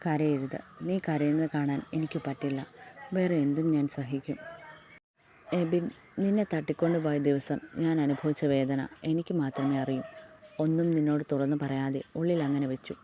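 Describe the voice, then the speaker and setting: Woman reading devoted young husband, soft earnest reassurance, low voice, mellow tone, audio love story. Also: steady tone, moderate pace, slight background noise, natural voice. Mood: tender.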